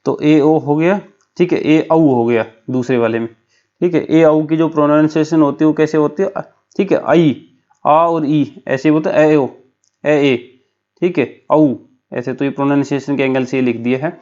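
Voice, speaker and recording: A man's voice: a little high, fairly even intonation, moderate pace, mellow, lo-fi sound. A man teaching a lesson for an exam, explaining step by step with a memory story and often checking in with his listeners.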